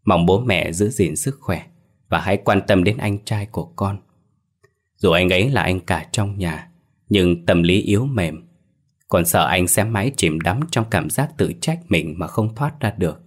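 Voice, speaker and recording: A young woman's vengeful ghost, cold and bitter, speaking from beyond the grave, as a male narrator reads her lines. The voice stays very deep and low, with no attempt to sound feminine. It is ghost-story audiobook dialogue. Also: slightly rough. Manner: cold, accusing.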